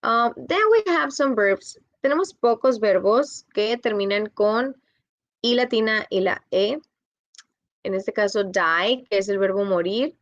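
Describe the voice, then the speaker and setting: A woman's voice: medium pitch, takes it slowly, no echo, dull audio. Woman teaching English grammar patiently. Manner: patient, explains in Spanish and repeats in English. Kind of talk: bilingual grammar lesson.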